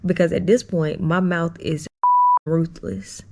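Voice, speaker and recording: A woman's voice: fairly low pitch, steady tone, slow, gravelly, noisy background. A woman vlogger telling a story casually and with animation, exasperated and slangy, talking straight to her viewers.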